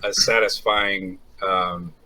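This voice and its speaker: A man's voice: low voice, fairly even intonation, slow pace, sharp tone, a little hiss or hum, low-quality recording. A man playing in a casual tabletop game, chatty and reflective, thinking aloud with plenty of fillers. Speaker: player.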